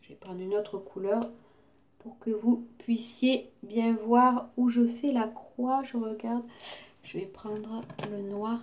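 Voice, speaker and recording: Woman, French accent, teacher, recorded phonics lesson, slow careful articulation, gently encouraging. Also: on the high side, steady tone. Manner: slow, clearly articulated, repeating words syllable by syllable; gentle and encouraging, with frequent hesitations. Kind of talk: recorded remote phonics lesson for young children.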